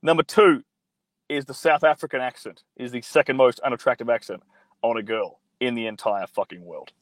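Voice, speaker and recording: A young male streamer with a medium-pitched voice reads viewer comments on a livestream, speaking briskly with fairly even intonation. He's blunt and crude, rambling profanely with lots of fillers. He records on a mobile phone, and the sound is very dry and close.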